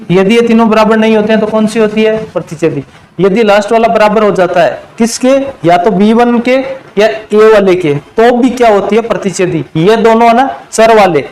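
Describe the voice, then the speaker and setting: A male math teacher giving a classroom lesson, quizzing his students and answering his own questions, and drawing out the key terms slowly. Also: high-pitched, darkish tone, rough recording. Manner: slows to a drawn-out pace on key terms.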